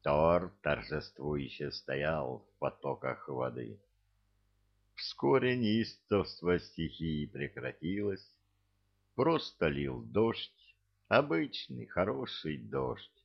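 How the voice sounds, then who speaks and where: Deep, gravelly male audiobook narrator. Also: lively intonation. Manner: measured, dramatic storytelling. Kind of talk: audiobook reading. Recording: dull lo-fi audiobook recording.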